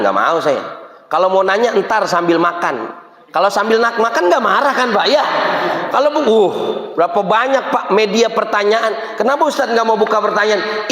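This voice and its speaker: A man preaching, joking and asking the crowd questions as he goes. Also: high voice. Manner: lively and joking, asks the crowd "bener gak, Pak?". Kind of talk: mosque sermon. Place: mosque. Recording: echoey mosque hall.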